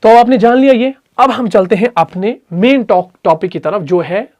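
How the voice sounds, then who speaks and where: A man with an Urdu accent teaching Quran recitation rules, patiently repeating letters and sounds slowly. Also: sits high, darkish tone. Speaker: tajweed teacher.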